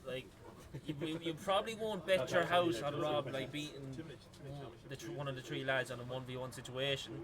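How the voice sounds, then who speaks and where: A man with an Irish accent doing live esports commentary, talking fast with lots of "like" fillers and rising to shouts on big plays. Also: medium pitch. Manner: excitable, rises to yelling on big plays, many "like" fillers. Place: gaming arena venue. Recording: loud crowd behind at a live event.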